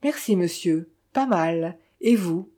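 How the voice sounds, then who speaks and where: A woman's voice: on the low side, expressive, slow, warm tone. A woman reading as a teasing, cheerful young woman in an audiobook. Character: confident young woman aviator passenger, teasing.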